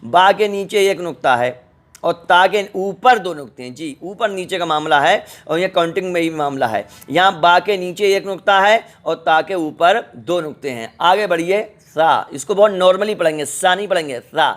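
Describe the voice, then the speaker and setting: A middle-aged man teaching the Quran's alphabet in a recorded lesson, patient and repetitive, sounding letters out slowly. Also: a little high, fairly bright tone.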